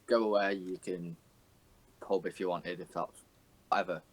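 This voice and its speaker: Bantering young man, low voice. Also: fairly even intonation, normal speed, husky, low-quality recording. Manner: bantering, sweary, explains at length. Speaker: podcast co-host. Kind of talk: casual chat.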